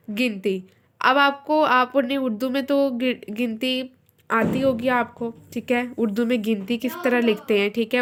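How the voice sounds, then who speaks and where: Patient woman teacher with a higher voice. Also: a bit bright. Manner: patient, repeats "ठीक है" to check understanding. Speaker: school teacher. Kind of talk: recorded online class lesson.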